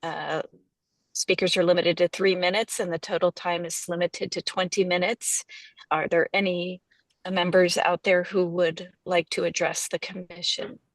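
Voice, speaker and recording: A woman with a slightly low voice chairs a public meeting from the cab of a moving truck. She works through procedure in a halting, apologetic, informal way, and her sound is close and dry. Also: level tone, no echo. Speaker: commission chair running the meeting.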